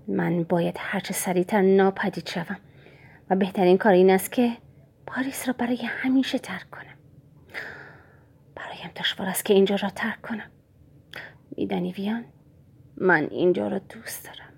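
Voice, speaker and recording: Breathy, hushed woman narrator. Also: mid-range voice. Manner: hushed, half-whispered, scheming. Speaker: audiobook narrator. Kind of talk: dramatic first-person novel reading.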